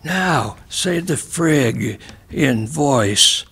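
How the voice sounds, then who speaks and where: A man's voice: on the high side, lively intonation, extremely slow, vocal fry, fairly bright tone, husky, full character voice. A man reading aloud and voicing a blunt, teasing old man who speaks in cryptic riddles. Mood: insistent. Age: older. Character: cryptic, prickly old man, former classmate.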